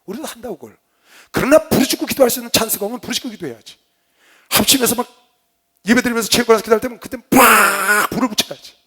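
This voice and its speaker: A man, a pastor giving a Bible lecture sermon, fervently swinging between loud exhortation and quiet asides. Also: very high-pitched, fast, breathy edge. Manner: tells personal stories with laughter.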